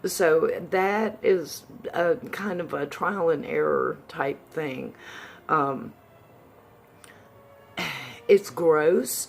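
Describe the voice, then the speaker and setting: A woman's voice: low-pitched, vocal fry. A woman giving a casual, candid, folksy update to viewers, her s sounds whistling through new dentures. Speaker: vlogger.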